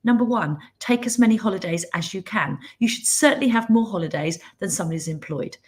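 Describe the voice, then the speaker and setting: A woman's voice: mid-range voice, fast. A middle-aged woman, a business mentor hosting her weekly live, talking in a chatty, upbeat way that often breaks off into asides. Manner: chatty, upbeat, self-interrupting. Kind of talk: casual live stream chat.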